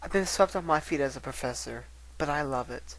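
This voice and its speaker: Bookish, scatterbrained lady unicorn read by a man, higher male register, earnest storytelling from a letter. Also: fairly quick, lightly acted, rough recording. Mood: earnest, fond. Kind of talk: dramatic reading of letters.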